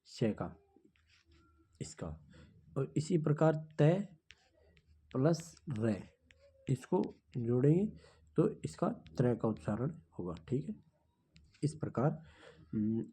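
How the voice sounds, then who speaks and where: A male teacher walks through a grammar lesson at an unhurried pace. His voice is very dark and mellow, and he hums between points and keeps checking in with the class. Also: mid-range voice, slightly rough. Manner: unhurried, counts items aloud, frequent hums and "theek hai". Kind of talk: slow classroom explanation of grammar.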